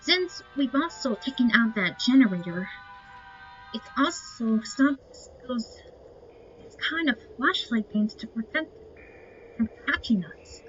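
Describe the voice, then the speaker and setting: Speaking slowly with lively intonation, this higher-voiced woman thinks out loud in brief, casual comments while she plays through a game. Game music runs under a muffled, lo-fi recording.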